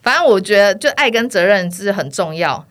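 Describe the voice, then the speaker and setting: Woman, insurance agent guest, animated storyteller with a mid-range voice. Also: medium pitch, brisk. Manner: lively storyteller, often laughing. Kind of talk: casual storytelling chat.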